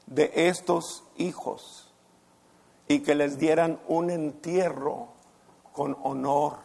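A man preaching a heartfelt sermon at a church service, pausing often and addressing listeners as brother. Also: a little high, creaky, darkish tone, husky. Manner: slow, heartfelt preaching with long pauses, calls listeners brother. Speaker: pastor.

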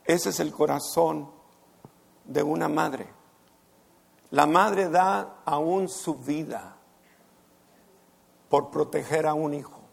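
A man preaching a heartfelt sermon at a church service, pausing often and addressing listeners as brother. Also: on the high side, gravelly, a little mellow. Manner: slow, heartfelt preaching with long pauses, calls listeners brother. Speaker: pastor.

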